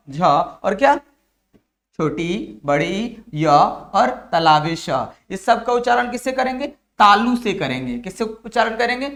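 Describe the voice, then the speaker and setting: A man's voice: high-pitched, fairly bright tone. A man teaching Hindi grammar for an exam, drilling students by asking each question again and again and then answering it himself. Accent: Bihari Hindi. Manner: addresses viewers as dear children. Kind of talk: exam-prep lesson.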